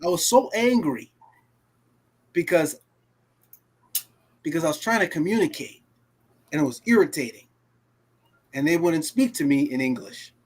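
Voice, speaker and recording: A man whose first language is Creole, telling a personal story in casual live talk-show chat, animated and emphatic, often repeating himself. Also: a little high, measured pace, long pauses, breathy edge. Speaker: co-host.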